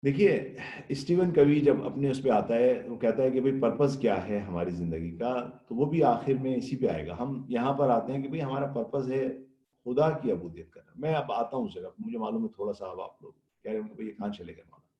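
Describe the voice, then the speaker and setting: A man giving a Ramadan sermon in a lively storytelling manner, acting out the voices he quotes. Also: medium pitch, muffled recording. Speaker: Islamic scholar giving a Ramadan lecture. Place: Ireland. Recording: echoey room.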